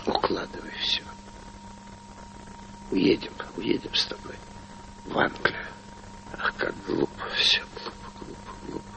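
An actor playing an aging, gray-haired, embittered playwright on stage, swinging between broken whispers and furious shouts. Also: male voice, medium pitch, big pitch swings, measured pace, vocal fry, long pauses, background noise. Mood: bitter muttering. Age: older. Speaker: lead actor in a stage play. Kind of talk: theatrical stage acting.

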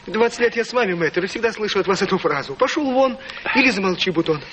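A shrill, fawning old servant. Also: male voice, lively intonation, fast, a bit bright, slight background noise, low-quality recording. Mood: pleading. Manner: nervous, fawning, shrill cries. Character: fussy, devoted longtime male servant. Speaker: supporting actor in a stage play. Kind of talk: theatrical stage acting.

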